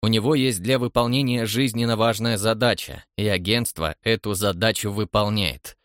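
A man's voice: lowish voice, moderate pace, a bit bright, no room sound, studio quality, lightly acted. A man voicing a pompous elderly director of a large agency who speaks in lofty, grandiloquent phrases. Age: older. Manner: grandiloquent, then pleading and flustered.

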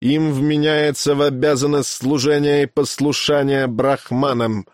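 A man voicing a cold, ruthless young male brahmin who speaks in an even, grating, unhurried voice. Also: mid-range voice, dry recording, clean studio sound, close to an everyday voice. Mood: cold, commanding.

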